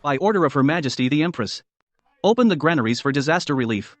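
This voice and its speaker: Man acting a brisk, high-voiced imperial herald. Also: expressive, slight background noise, lightly acted. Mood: proclaiming. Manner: declamatory, formal. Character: formal male herald proclaiming an imperial decree. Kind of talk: dubbed period drama proclamation.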